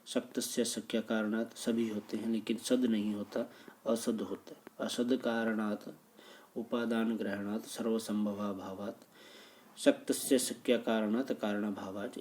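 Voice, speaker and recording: A man's voice: fairly low pitch, little pitch movement, measured pace, a little mellow, a little hiss or hum. A man teaching as he works through exam questions, reading each one, restating it and explaining the answer. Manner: reads a question, then repeats and explains it.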